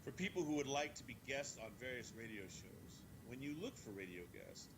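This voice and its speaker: A man with a mid-range voice reads questions out to a guest in brief, polite turns. A steady, clear rumble runs behind him. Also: brisk, rough recording. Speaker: interviewer reading audience questions.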